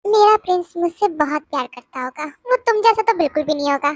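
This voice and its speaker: A woman's voice: very high-pitched, animated, fairly quick, no echo, studio quality. A reader as a pleading, cheeky young office woman.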